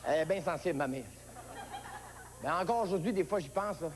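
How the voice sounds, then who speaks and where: Speaking a little fast, a Québécois stand-up comic spins a funny childhood tale, voicing the characters with high-pitched yelps. The recording carries a long reverb tail and some background noise.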